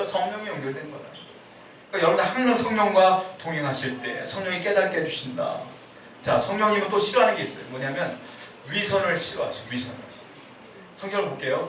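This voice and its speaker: A man's voice: sits high, sharp tone. A man preaching a sermon as pastor, asking his congregation questions and answering them himself. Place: church sanctuary. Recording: echoey church hall, mic far off, faint hiss.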